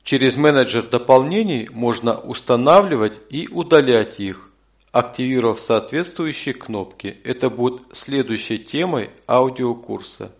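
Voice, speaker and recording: A man narrating scripted step-by-step instructions as an audio course instructor, measured and neutral. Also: medium pitch.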